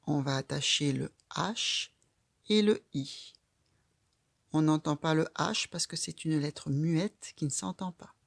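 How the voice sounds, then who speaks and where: Slow, patient woman with a gravelly voice. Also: sits low, no room sound, studio quality. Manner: patient, calm, guiding a child stroke by stroke. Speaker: teacher. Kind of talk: slow step-by-step handwriting lesson.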